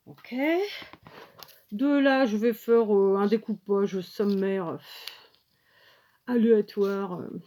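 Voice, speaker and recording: A woman's voice: fairly high pitch, darkish tone, a little hiss or hum. A woman talking viewers through a handmade card step by step, chatty, often correcting herself and checking in with them. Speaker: craft tutorial host. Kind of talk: casual craft tutorial.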